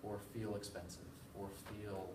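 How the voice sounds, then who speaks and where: Recorded far from the microphone in an echoey space with background noise, a young American man speaks on the low side with a flat delivery and a slightly slow pace. His class presentation is casual and informative, with a few fillers and self-deprecating touches.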